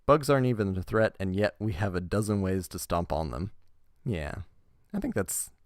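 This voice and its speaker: A man with a fairly low voice, recorded close and dry with no room sound. He reviews trading cards in a relaxed, chatty way, reading the card text aloud and adding wry remarks and laughter as he goes. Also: moderate pace, no room sound.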